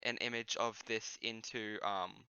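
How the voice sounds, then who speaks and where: A man's voice: on the low side, fairly even intonation, a little slow, muffled recording, crowd noise. A young man with an Australian accent, co-hosting a casual podcast chat with dry, blunt quips. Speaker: podcast co-host.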